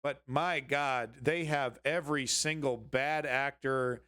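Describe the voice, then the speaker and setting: A man gives casual, off-the-cuff political commentary as a stream host. His voice is clear and middling in pitch, and he is sardonic, circling back over phrases for emphasis. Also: steady tone, slow, sharp tone. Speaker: host of a news reaction stream.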